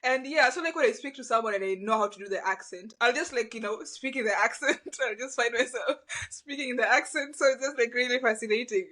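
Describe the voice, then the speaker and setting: Animated young Kenyan woman telling stories. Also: fairly high pitch, fast, low-quality recording. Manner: storytelling, animated, laughs between phrases. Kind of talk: casual chat.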